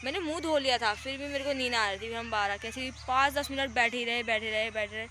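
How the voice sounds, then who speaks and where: A young woman speaks, telling her day in a chatty, rambling vlog. Her voice sits a little high. The phone recording is noisy. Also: fast talker, bright, forceful tone. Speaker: vlogger. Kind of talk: casual vlog narration. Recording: noisy outdoor phone audio.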